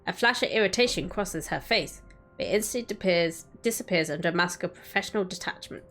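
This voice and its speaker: A woman's voice: fairly low pitch, a little fast. A woman streamer reading a story aloud in a dramatic narrating style. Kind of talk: dramatic story narration with casual chat asides. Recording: background music under the voice. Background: quiet music.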